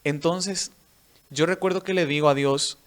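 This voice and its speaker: With a slightly high, steady voice and a moderate pace, this missionary preacher and musician gives his faith testimony in an interview. His telling is sincere and story-like, with frequent tag questions of "right?"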